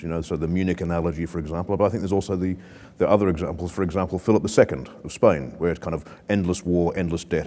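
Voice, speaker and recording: A man with a very low voice answers a question on a panel, measured and discursive. His words ring out in a lecture hall with a long reverb tail. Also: dark tone.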